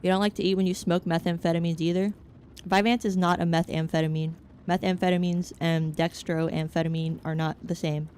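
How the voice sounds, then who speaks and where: A woman's voice: on the low side, flat delivery, a little fast, darkish tone, slight background noise. A young woman streaming as a VTuber, chatting casually with her chat in a rambling, frank, joking way that hops from topic to topic. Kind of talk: casual chat, answering chat while gaming.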